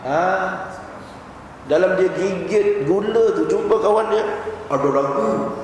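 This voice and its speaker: A man's voice: high-pitched, unhurried, a little mellow. A man with a Malaysian Malay accent giving a sermon as a religious teacher, telling stories and asking the audience rhetorical questions. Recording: very echoey hall recording, faint noise.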